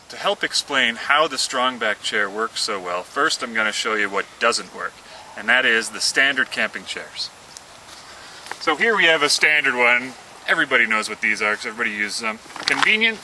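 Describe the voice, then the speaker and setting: A man, the inventor, presenting and demonstrating his product in an earnest pitch, talking through each movement. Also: sharp tone. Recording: slightly distant mic, faint outdoor noise.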